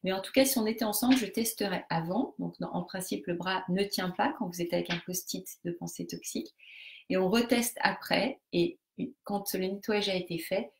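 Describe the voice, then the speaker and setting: A woman with a lowish voice and a gravelly, creaky edge coaches a group live. She walks the listeners through each step of a method, speaking straight to them. Her delivery is hesitant, full of fillers and restarts. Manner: hesitant, many fillers and restarts while explaining; instructive, talks directly to participants.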